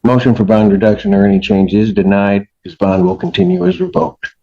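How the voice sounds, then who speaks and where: Captured with the highs cut off, this middle-aged judge has a lowish voice. He lectures the courtroom sternly, keeping his words measured and emphatic.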